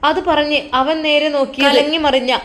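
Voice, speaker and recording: A woman's voice: high-pitched, flat delivery, normal speed, a bit bright. A woman narrating a family story aloud in an emotive, tender way with a Malappuram Malayalam accent.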